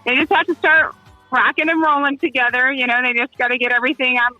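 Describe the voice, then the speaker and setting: A woman's voice: high voice, fairly even intonation, quick pace, bright, forceful tone, dry recording, highs cut off, soft background music. A woman in her forties calling in over a car speakerphone as a guest, chatting in a friendly, upbeat way and laughing easily. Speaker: call-in guest. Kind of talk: casual chat.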